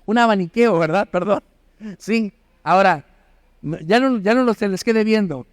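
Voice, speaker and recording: A man's voice: high voice, measured pace, no echo, studio quality. A man preaching a Sunday sermon as pastor, tagging nearly every phrase with a question to the congregation. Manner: asks the congregation constant questions. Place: church auditorium.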